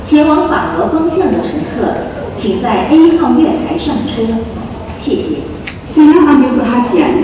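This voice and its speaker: A woman giving a recorded train station announcement over a loudspeaker, in slow, measured, polite phrasing. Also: a little high, dull audio. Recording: echoey far loudspeaker in noisy station. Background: station ambience.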